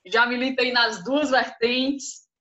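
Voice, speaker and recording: A woman interviewer who gently invites the guest to tell her story. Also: on the high side, slow, highs cut off, a crowd in the background. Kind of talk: casual interview.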